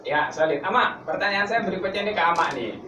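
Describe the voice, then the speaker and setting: A man's voice: high-pitched, expressive, quick pace. A man interviewing students and a teacher in a casual, chatty way, often laughing and teasing. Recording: roomy distant mic with noise.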